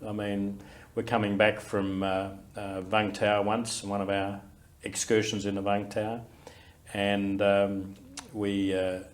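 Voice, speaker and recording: An Australian man in his sixties, a war veteran recalling his service in an oral history interview, reflective and full of fillers and restarts. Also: lowish voice.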